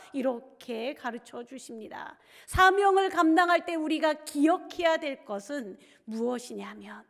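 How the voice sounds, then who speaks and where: Woman pastor, high gravelly voice, preaching with loud-to-whisper swings, echoey church hall. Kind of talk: sermon. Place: church sanctuary.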